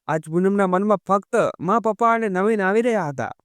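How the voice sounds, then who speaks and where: A man narrating a scripted story in a steady, measured storytelling manner. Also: high-pitched, smooth, no room sound, clean studio sound.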